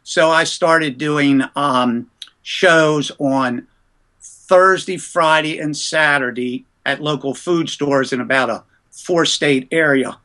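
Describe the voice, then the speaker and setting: A man from the US East Coast, a ventriloquist, telling lively anecdotes about his early career in a casual interview. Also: on the high side, slow.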